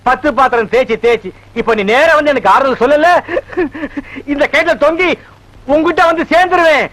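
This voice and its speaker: An actor playing a loud, theatrical village father in a comedy film, exclaiming and scolding his son. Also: very high voice, brisk, rough recording. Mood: devotional. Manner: loud, exclaiming, sing-song praise. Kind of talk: Tamil film comedy acting.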